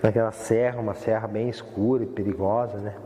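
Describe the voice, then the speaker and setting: Interviewed for a documentary, a man gives a rambling, heartfelt personal testimony full of fillers. His voice is lowish and dark, with fairly even intonation, and he talks fairly quickly. The recording has the echo of a roomy hall, with faint ambience and slight background noise.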